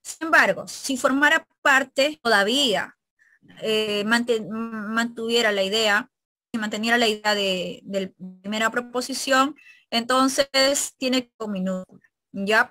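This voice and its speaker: A woman's voice: fairly high pitch, pushed and bright. A woman teacher with a Peruvian Spanish accent explains spelling rules step by step, often checking in with tag questions. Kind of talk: spelling lesson with examples.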